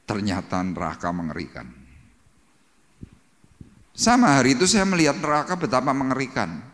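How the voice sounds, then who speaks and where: Preaching a Pentecostal sermon in a church hall, this pastor performs cries and sound effects for the congregation with dramatic flair. He has a medium-pitched, fairly bright voice, and the hall's long reverb trails after his words.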